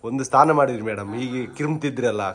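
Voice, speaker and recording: A young man, teasing his family with rapid questions in a playful vlog chat. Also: mid-range voice, crowd noise. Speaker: vlogger interviewing family members.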